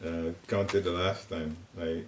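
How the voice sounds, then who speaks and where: An older man from Ghana sits in a private living room leading a devotional class, his Ghanaian-accented voice low, slow, and showing little pitch movement. He chats and rambles through informal spiritual teaching, chuckling as he goes. A room recorder placed at a distance gives the clip a roomy home sound and a faint hiss.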